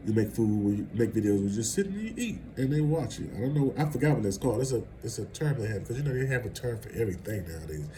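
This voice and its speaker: A man's voice: medium pitch, expressive, fast, few pauses, warm tone, a little hiss or hum, rough recording. A man vlogging casual celebrity gossip commentary, rambling and conversational and laughing at his own asides.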